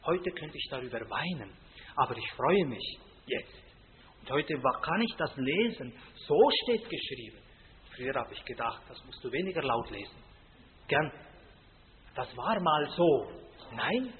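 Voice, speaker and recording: A man preaching, his fairly high voice swelling on scripture and sinking low for family stories. The sound is thin and tinny, with a long hall echo and faint noise behind. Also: very animated, a little slow. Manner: emphatic, rising loud on scripture, dropping low for anecdotes, frequent tag question. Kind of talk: sermon.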